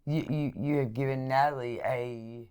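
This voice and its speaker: A man with an ordinary mid-range voice hosts a casual podcast interview. He fills the gaps with short agreements and gentle, filler-heavy recaps that keep the guest talking. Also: mid-range voice, fairly even intonation, normal speed, clean tone. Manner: sympathetic, prompting with short backchannels. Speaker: podcast host.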